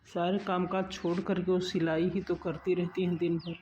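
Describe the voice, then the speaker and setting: A man voicing a tired, loving older farmer father in a cartoon story, speaking calmly and explaining. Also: high-pitched, moderate pace, a little hiss or hum, close to an everyday voice. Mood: caring. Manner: calm, explaining. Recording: muffled lo-fi sound.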